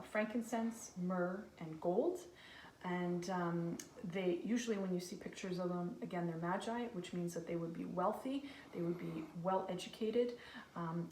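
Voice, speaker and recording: Echoey, low-pitched woman teaching young children. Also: darkish tone. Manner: reassuring, simple step-by-step instructions. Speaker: kindergarten teacher. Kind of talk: casual craft lesson for young children. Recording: echoey room, distant mic, faint noise.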